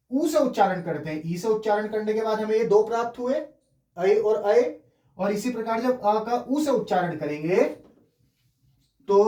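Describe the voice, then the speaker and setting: Slow-spoken male teacher in an echoey room. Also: high voice, darkish tone. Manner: slow, deliberate, repeats each sound aloud. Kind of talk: explaining lesson while writing on a board. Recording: echoey room, voice from a distant mic.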